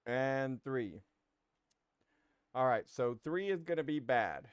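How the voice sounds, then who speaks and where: A man's voice: mid-range voice, lively intonation, slow, clean tone, no room sound. A man streaming a shooter game live, chatting casually to his viewers as he plays. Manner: casual, chatty, talking to chat. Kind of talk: live gameplay commentary.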